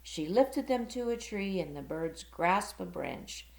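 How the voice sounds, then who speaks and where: Slow, expressive woman reading aloud. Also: fairly low pitch, gravelly. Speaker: school board director reading to children. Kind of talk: reading a picture book aloud. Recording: roomy echo.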